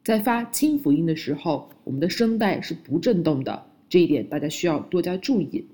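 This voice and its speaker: A woman teaching English pronunciation, modeling words clearly one by one for the listener to repeat. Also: on the low side, mellow. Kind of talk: slow, deliberate phonics lesson.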